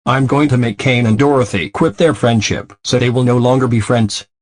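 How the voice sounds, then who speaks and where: A man's voice: medium pitch, normal speed, no room sound, clean studio sound, natural voice. A man voicing a delinquent cartoon car, a scheming troublemaker who stiffly narrates his own plans. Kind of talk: scripted cartoon monologue.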